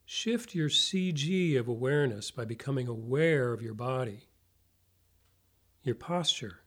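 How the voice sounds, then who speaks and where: A man guides a breathing meditation at a slow pace. His voice sits at an average male pitch. He gives each instruction in a measured way and leaves long pauses between phrases. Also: expressive.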